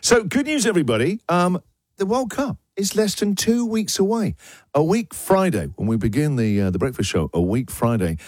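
Excitable male radio breakfast host. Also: normal speed, no room sound. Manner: energetic and enthusiastic, jumps in pitch when excited. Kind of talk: lively radio banter. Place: radio studio. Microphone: studio broadcast mic.

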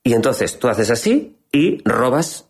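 A man's voice: mid-range voice, very animated, a little slow. A man with an ordinary mid-range voice hosts a comedic chat. He steers with dry, probing questions and plays the straight man to his guest's rants. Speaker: host. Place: newsroom studio.

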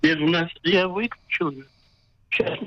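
A man's voice: on the high side, fairly even intonation. Older man on a crackly, cutting-out phone line. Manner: halting, keeps checking he is heard. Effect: crackly phone line that keeps cutting out. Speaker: caller. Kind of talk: radio call-in question. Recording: dull, breaking-up phone call.

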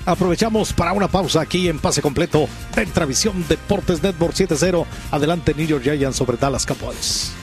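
A man commentates live American football for a radio broadcast. His voice sits somewhat high for a male. Music plays clearly behind him. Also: normal speed. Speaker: sports commentator.

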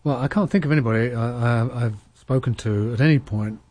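A man hosting a conversational interview speaks in a mellow, slightly husky, medium-pitched voice at a brisk pace. He's hesitant, repeating words and restarting phrases as he thinks.

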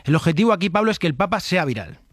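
A man's voice: high-pitched, sing-song, rapid-fire, no room sound, studio quality. A man chatting playfully on a radio show, presenting online clips. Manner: playful, joking. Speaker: radio contributor. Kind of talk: casual radio chat.

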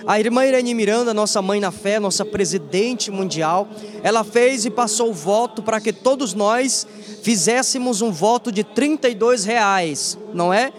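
High-voiced man hosting fervent church radio. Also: normal speed, a crowd in the background. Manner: fervent, prompting the guest. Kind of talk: religious radio interview.

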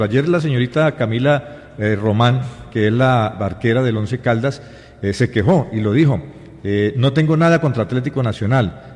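A man on a football panel with a mid-range voice. He talks in a measured, halting way, often backing up to rephrase. A long reverb trails his voice. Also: medium pitch, darkish tone. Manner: measured, hesitant, with many fillers and restarts. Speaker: sports panelist.

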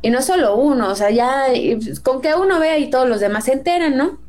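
A woman's voice: high voice, fairly quick, darkish tone, slight background noise. A Mexican woman with a Mexican Spanish accent in a casual Bible discussion, chatty and acting out quotes in a raised voice.

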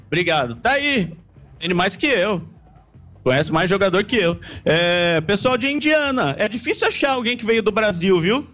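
A man with a Brazilian Portuguese accent, reporting live outside a stadium and asking fans quick, chatty questions. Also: sits high, very animated, fairly bright tone, faint music behind. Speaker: field reporter. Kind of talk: live street interviews.

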